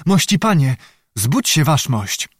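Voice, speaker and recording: A man voicing a gentle, polite young noblewoman in a storybook. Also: on the high side, very animated, slow pace, slightly rough, no echo, clean studio sound, exaggerated voice. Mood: grateful.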